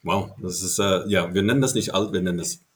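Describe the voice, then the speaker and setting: A man's voice: low voice, brisk, slight background noise. An older man from Ohio, a native English speaker with an American accent, talking hesitantly as a podcast guest with many fillers. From Ohio, USA. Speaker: podcast guest, baseball veteran. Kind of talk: casual interview talk.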